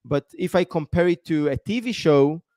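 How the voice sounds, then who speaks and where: A man's voice: fairly high pitch, lively intonation, moderate pace, darkish tone, no echo, studio quality. A man, a guest explaining at length in a live-stream interview with many ums. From Israel. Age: 30s. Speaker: guest, tech founder.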